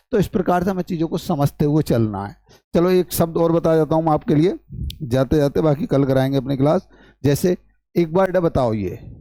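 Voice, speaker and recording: A man's voice: on the high side, dark tone, dry recording, studio quality. A man with a Hindi accent teaching an English grammar class, explaining step by step and asking the class questions. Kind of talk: classroom lecture.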